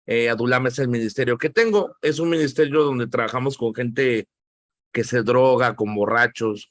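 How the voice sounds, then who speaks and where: A man's voice: medium pitch, dry recording, studio quality. A man with a Mexican Spanish accent teaching a Bible class in a preaching style, telling personal stories and often calling the listeners "hermanos". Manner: animated storyteller, often says "hermanos" and "¿verdad?", acts out quoted voices.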